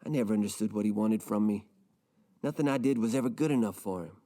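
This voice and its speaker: An actor playing a gloomy, self-pitying rich man who rambles in a deadpan, mopey way in a comedic audio drama. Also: lowish voice, quick pace, close to an everyday voice.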